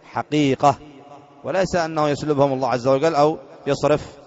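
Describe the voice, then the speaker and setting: A man's voice: on the high side, fairly even intonation, a little fast, darkish tone. A religious teacher from Yemen, explaining a creed text in a lecture and often posing rhetorical questions to his listeners before answering them. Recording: dull lo-fi lecture recording.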